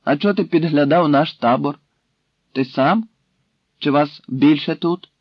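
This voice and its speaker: A man's voice: on the high side, measured pace, no echo. A man voicing a stern Cossack leader who questions and threatens a captive in a commanding way, in a dry, slightly dull recording.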